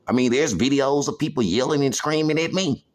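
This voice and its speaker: A man from the United States talking to camera about his own grievances, repeating himself with lots of "you know" and stretching some phrases out slowly. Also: mid-range voice. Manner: repetitive, emphatic, heavy use of "you know". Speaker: vlogger. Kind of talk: personal monologue to camera.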